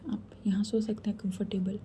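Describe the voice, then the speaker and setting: A woman voicing a caring, playful young woman who tutors a friend, in a gentle, reassuring whispered role-play. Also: mid-range voice, flat delivery, brisk, a little hiss or hum, close to an everyday voice.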